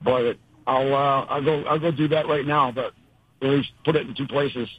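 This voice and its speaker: A man's voice: medium pitch, steady tone, normal speed, slight background noise. A man calling in to a radio show by phone, rambling along with frequent restarts. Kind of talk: casual call-in chat by phone. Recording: dull, dry phone line.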